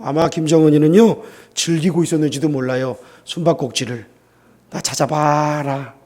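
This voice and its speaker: High-voiced Korean pastor preaching. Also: male voice, darkish tone. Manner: storytelling, acts out quoted voices, rising to emphatic appeals. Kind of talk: sermon. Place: church sanctuary.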